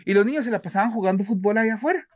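A man's voice: high voice, dry recording. A young man with a Mexican accent, co-hosting a casual chat and telling stories in a slangy, joking way. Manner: slangy, joking storyteller, quick asides. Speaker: podcast co-host.

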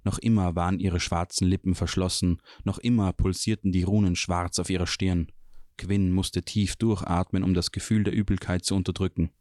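A man reading a fantasy novel chapter aloud in a calm, even storytelling manner. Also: low voice, normal speed, no room sound, clean studio sound. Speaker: audiobook reader. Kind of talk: scripted narration of a fantasy novel.

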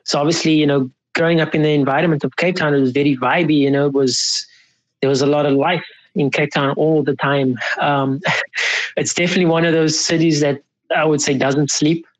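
A South African man in his twenties, a guest in a casual interview, relaxed and chuckling easily, with lots of fillers. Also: on the high side, a little fast, no echo, poor audio. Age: 20s. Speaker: guest, pro skateboarder.

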